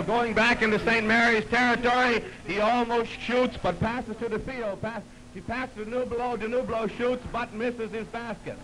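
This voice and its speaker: A man calling a basketball game play by play, heard as a played-back early 1930s archive recording. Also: high voice. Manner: plain, steady play-by-play calling. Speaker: basketball commentator. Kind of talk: live play-by-play commentary. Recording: noisy, hissy old archive recording.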